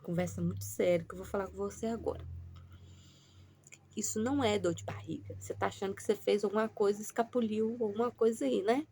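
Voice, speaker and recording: A woman quoting her own mother as a careful, gentle middle-aged mom, speaking softly and delicately. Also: mid-range voice, fairly even intonation, fairly quick, creaky, slight background noise, lightly acted. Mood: gentle, serious. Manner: soft, hushed, delicate delivery.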